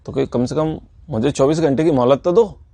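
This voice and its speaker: A man's voice: on the high side, mellow, dry recording. A man playing a frantic rich old merchant pleading for time. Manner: pleading, bargaining in rushed bursts.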